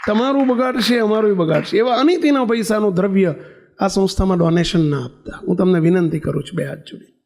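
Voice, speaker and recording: A man's voice: high-pitched, fairly quick, darkish tone. A man giving a sermon as a swami, pleading earnestly and repeating key words for emphasis. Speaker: swami preaching. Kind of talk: sermon with storytelling.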